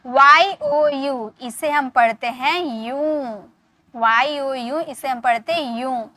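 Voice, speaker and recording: A woman's voice: sits high, slow pace, fairly bright tone. A woman teaching beginner English, patiently spelling out words, repeating pronunciations and quizzing the viewer. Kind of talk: spoken English lesson explained in Hindi.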